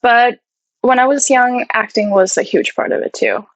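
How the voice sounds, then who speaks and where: A woman's voice: on the high side, moderate pace, no room sound, poor audio. A woman, a guest actress who chats in a friendly, slightly self-conscious way and sometimes searches for English words. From Iceland. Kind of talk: casual interview chat.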